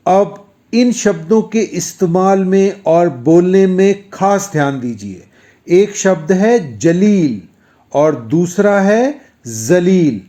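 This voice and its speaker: A middle-aged man narrates a pronunciation lesson at a very slow, careful pace. His voice is mellow and slightly high, and he stretches each practice sound so learners can follow. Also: lively intonation. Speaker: Hindi pronunciation teacher.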